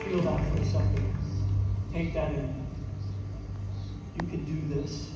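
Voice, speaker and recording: A man's voice: a little high, fairly even intonation, slow pace. A man giving a motivational stage speech, repeating rallying lines to a crowd. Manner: repetitive rallying chants. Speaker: motivational speaker. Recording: echoey hall from far off, loud music.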